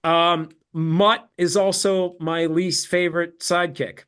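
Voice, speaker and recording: Brief: American actor guest, a bit high-pitched, loose rambling delivery over a video call. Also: male voice, flat delivery, slow pace, a bit bright, smooth. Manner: rambling, many fillers and restarts. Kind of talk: casual film discussion.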